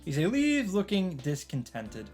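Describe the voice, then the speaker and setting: With game music in the background, a man voices a visual novel and tosses in casual let's-play commentary. His high voice swings hugely in pitch, unhurried and with a darkish tone.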